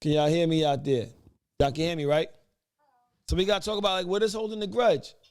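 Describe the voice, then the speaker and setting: Guy cohosting a live podcast, slightly high voice, laughs a lot, curses casually reading the chat. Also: fairly even intonation, a little fast, darkish tone, clean tone. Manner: laid-back, laughing, profane banter.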